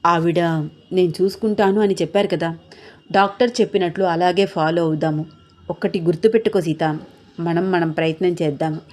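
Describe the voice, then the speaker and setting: A woman voicing a loving young husband who gently soothes his tearful wife, in a soft, coaxing tone. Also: fairly low pitch, steady tone, normal speed, lightly acted. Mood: tender reassuring.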